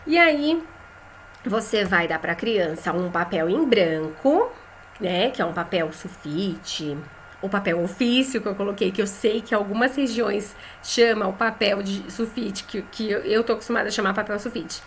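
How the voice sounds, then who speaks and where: A woman with a Brazilian Portuguese accent teaching a lesson for teachers, talking in a chatty way, often adding "né?", and saying example words slowly and clearly. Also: mid-range voice, a little hiss or hum. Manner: conversational, tags phrases with "né?".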